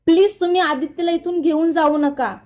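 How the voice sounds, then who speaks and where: A woman's voice: very high voice, steady tone, a little fast, a little mellow. A woman voicing an apologetic young wife pleading earnestly.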